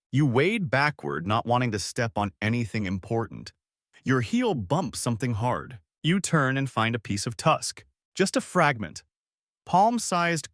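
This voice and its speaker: Male narrator, calm and wry, animated pitch, dry studio sound. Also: dry recording. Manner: calm and wry, speaking to the listener as "you". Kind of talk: scripted nature documentary narration.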